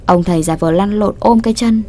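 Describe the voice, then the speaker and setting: A woman narrating an audiobook in an even, unhurried voice. Her pitch sits in the middle, and she keeps the storytelling steady from line to line. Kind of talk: scripted narration.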